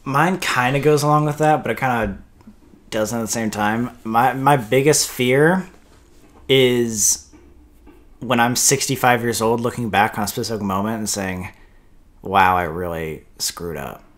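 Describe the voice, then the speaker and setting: This early-twenties podcast co-host from Kansas talks at a measured pace in a mid-range, slightly bright voice. His American-accented delivery is casual and conversational, peppered with "like."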